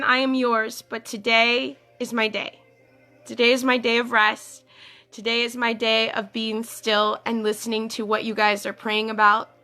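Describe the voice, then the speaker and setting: A woman with a slightly high, pushed, bright voice coaches her livestream followers in a casual way. Earnest and repetitive, she uses lots of fillers and keeps asking "okay?". She's recorded on a phone or webcam.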